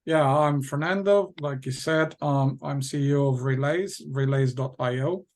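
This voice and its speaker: A man's voice: medium pitch, moderate pace, a little mellow. A middle-aged man with a Portuguese accent, a company founder talking casually as an interview guest, hesitant with many fillers and restarts.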